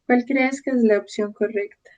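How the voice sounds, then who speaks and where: A woman teaching a Spanish lesson, speaking slowly and patiently and pronouncing each word clearly. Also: fairly high pitch, fairly even intonation, darkish tone, rough recording. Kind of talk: online language lesson.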